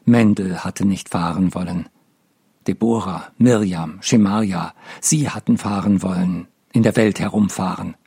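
A man reading an audiobook in a measured, sober narration. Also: deep voice, vocal fry, mellow, slightly rough.

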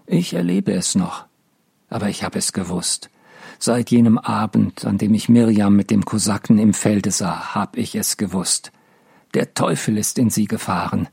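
Grieving old father, slow and mournful, gravelly and husky as the narrator reads him. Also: fairly low pitch, darkish tone, no room sound, studio quality, heavily acted. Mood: resigned. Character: aged grieving father, weary and broken. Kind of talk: audiobook reading.

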